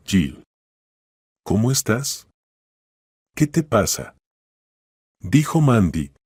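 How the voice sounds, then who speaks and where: Hombre, narración de cuento pausada, voz grave, grabación seca y cercana. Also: male voice, deep voice, darkish tone, no room sound, studio quality. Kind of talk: scripted story narration.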